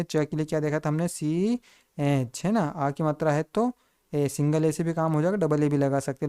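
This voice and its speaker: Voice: medium pitch, mellow, clear, resonant tone. A teacher giving a step-by-step spelling lesson, who keeps asking the listener questions and then answering them, and calls the listeners friends again and again.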